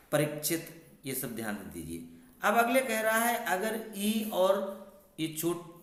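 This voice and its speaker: A man's voice: on the high side, a bit bright, reverberant. A man teaching a grammar lesson to students. He repeats key points and checks in with short questioning asides.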